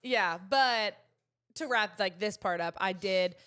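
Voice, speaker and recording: A woman, co-hosting a podcast and telling a story in an animated way, laughing often. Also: medium pitch, slow, clear, resonant tone. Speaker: podcast co-host. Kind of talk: casual chat.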